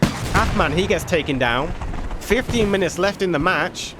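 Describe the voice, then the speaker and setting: Over loud gunfire and vehicle noise from a multiplayer war game, a man offers relaxed, talkative commentary, cursing occasionally. His voice sits high and is animated yet a little slow, with background noise in the recording.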